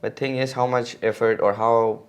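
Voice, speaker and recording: A podcast guest who races mountain bikes, this man from India in his 20s chats casually but hesitantly, full of fillers and restarts. His voice is smooth and medium-pitched, with a steady tone at normal speed.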